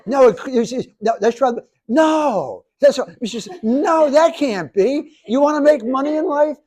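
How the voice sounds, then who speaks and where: Animated man in his seventies lecturing. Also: very high-pitched, moderate pace. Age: 70s. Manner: animated, jokey, talks to the audience, restarts often. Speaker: professor and speaker. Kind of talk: lively classroom lecture.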